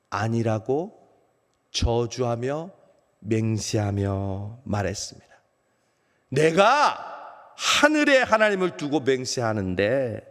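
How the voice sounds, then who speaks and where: A preacher voicing a remorseful Peter. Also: male voice. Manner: emotional, swings from loud outbursts to hushed low phrases. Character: apostle Peter, remorseful grown man, ashamed. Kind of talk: first-person dramatic monologue in a dawn service. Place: church sanctuary. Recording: long church hall reverb.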